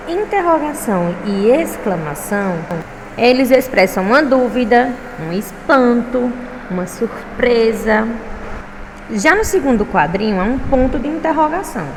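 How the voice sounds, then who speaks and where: A woman's voice: on the high side, animated, moderate pace. A woman teacher with a Brazilian Portuguese accent, giving a recorded lesson to pupils, patient and often checking in with them. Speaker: primary school teacher. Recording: echoey room with faint traffic noise.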